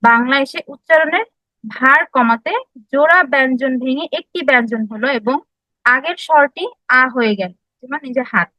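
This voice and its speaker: A woman giving a classroom lecture, explaining step by step, asking her listeners questions and pausing often with filler sounds. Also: high-pitched, sharp tone, dry recording, rough recording. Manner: explanatory, frequent filler sounds and restarts, asks the audience questions. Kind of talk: classroom lecture on language history.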